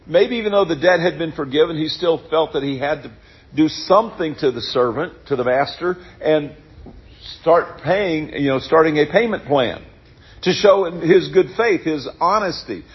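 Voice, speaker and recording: A man preaching in a church with a very husky, breathy voice. He reads scripture, then drops into easygoing, folksy asides. The recording sounds dull and lo-fi. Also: a little high, lively intonation, moderate pace. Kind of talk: sermon.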